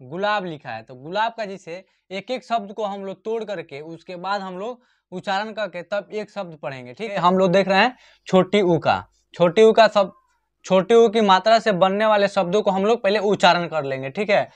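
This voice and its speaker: A man's voice: sits high, normal speed. A man teaching an online Hindi lesson, often asking a question and answering it himself and repeating key points. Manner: repetitive, asks and answers his own questions.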